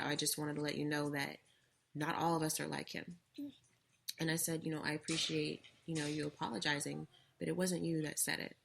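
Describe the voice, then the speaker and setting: A woman's voice: low-pitched, vocal fry, fairly bright tone. A young adult woman co-hosting a casual talk show, earnestly telling a personal story.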